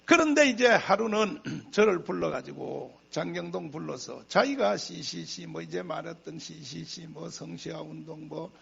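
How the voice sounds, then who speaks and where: A man's voice: a little high, a little slow, gravelly, few pauses, slightly rough, lo-fi sound. A male pastor preaching a sermon, telling stories with emphatic repetition and chuckling asides. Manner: emphatic, repeats phrases for effect; animated storytelling with chuckling asides. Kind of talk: sermon to a congregation.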